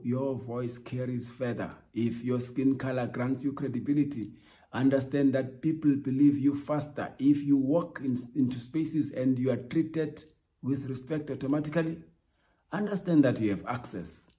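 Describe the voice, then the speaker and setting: A man hosting a podcast, delivering a reflective spoken essay in a measured, emphatic way with repeated rhetorical lines. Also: mid-range voice, dark tone. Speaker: podcast host.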